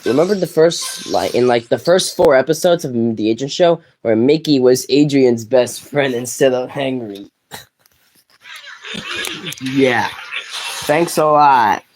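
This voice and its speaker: A man chats his way through a game, rambling and often restarting his sentences. His voice sits at an ordinary middle pitch. Steady hiss sits under the recording. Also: measured pace, poor audio. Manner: rambling, restarts sentences, laughs at own jokes. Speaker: gaming commentator. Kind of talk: casual commentary while playing.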